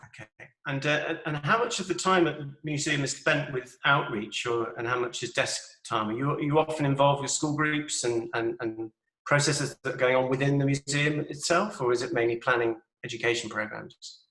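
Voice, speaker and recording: A man's voice: mid-range voice, moderate pace, pushed and bright. A man hosting an online panel, chatting informally and teasingly as he introduces and questions guests. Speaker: host and moderator of an online panel. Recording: roomy echo on a video call.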